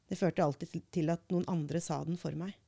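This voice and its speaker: A woman reading a book passage aloud and talking it through in a measured, thoughtful way as a podcast host. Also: lowish voice, fairly even intonation, gravelly, dark tone.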